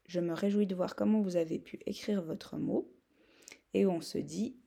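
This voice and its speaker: A woman's voice: lowish voice, steady tone, moderate pace, gravelly, warm tone. A woman teaching young children to read, patiently spelling out sounds and words. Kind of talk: reading lesson for young children.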